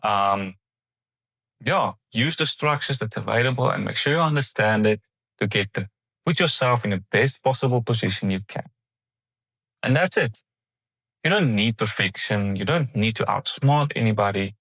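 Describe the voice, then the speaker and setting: A man with a fairly low voice talks to viewers as the host of an informal explainer. He is conversational and plain-spoken, offering advice in everyday language. The sound is dry, with very little room on the voice. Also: animated, moderate pace, fairly bright tone, no echo, rough recording. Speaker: host of an investing series.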